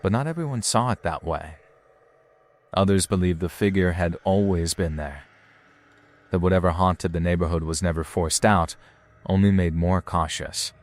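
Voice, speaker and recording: A man with a deep-set voice narrates scripted suspense. He speaks in a deliberate, ominous storytelling manner, as a narrator laying out mysterious incidents. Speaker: narrator of paranormal footage compilation.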